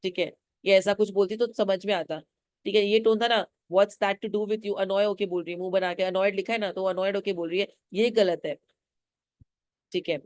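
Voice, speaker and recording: A woman teacher lectures her class, explaining a play line by line in a mix of Hindi and English, acting out lines and quizzing students. Her mid-range voice is steady, fairly quick, and darkish. The recording is dry and studio quality.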